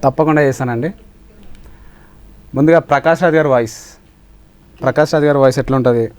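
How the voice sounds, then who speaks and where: A man's voice: mid-range voice, a little fast, darkish tone, smooth, no room sound. A young man, a mimicry artist giving polite, brief answers in an interview. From Telangana, India. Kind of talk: casual interview chat.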